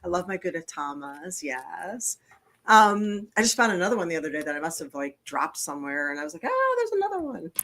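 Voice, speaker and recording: A woman's voice: deep voice, a little fast, fairly bright tone. A woman hosting a casual live stream, chatting and greeting viewers as they arrive. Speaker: host.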